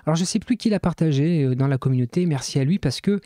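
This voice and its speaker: A man's voice: a little high, fast, warm tone, no room sound. A man presenting a weekly web development news roundup in a casual, chatty way, with frequent hesitations and fillers.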